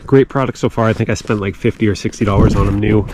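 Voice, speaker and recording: Amid clear outdoor noise, a man with a fairly low voice narrates his winter hike. He speaks casually and a little haltingly, like a trail vlogger updating viewers from a snowy mountain. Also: steady tone. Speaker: hiking vlogger. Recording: clearly noisy outdoor recording with clicks.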